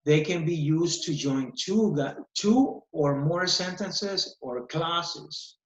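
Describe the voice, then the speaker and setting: A man with a slightly high voice takes a slow pace as he teaches English over a video call, explaining things patiently step by step. His voice comes from a computer microphone in a screen recording, with dull, echoey call audio.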